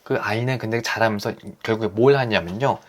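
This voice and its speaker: A man hosting a live lesson for married couples, talking gently and earnestly and often asking his audience questions. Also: fairly low pitch, brisk, slight background noise. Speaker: host leading a couples' reading session. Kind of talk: live online lecture to couples.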